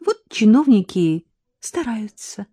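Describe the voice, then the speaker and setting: A woman's voice: fairly high pitch, big pitch swings, slow, mellow, no room sound, studio quality, pitched above the performer's own voice, full character voice. Milka, a coquettish young woman, read by a woman. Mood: urgent. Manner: coquettish, teasing, talkative.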